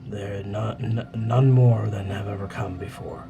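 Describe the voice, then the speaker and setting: A man's voice: on the low side, fairly even intonation, normal speed, vocal fry, over music, pitched below the performer's own voice. Man playing a stern, forbidding druid. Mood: guarded, agitated. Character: stern agitated male druid guarding a sacred shrine. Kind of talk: in-character tabletop role-play.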